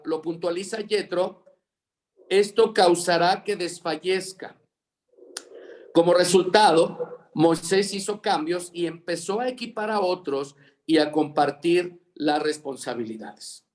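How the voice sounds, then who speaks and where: A man teaching a Bible leadership lesson over a video call, dictating words for students to fill in and repeating them. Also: sits high.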